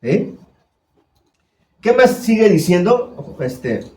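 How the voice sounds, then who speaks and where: A man's voice: high-pitched, sing-song, very slow, a little mellow. A man preaching a sermon as pastor, putting questions to his congregation. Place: church hall. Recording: echoey church room.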